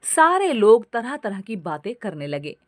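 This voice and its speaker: A woman narrating a family story in scripted, slow storytelling. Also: on the high side, big pitch swings, no echo, clean studio sound.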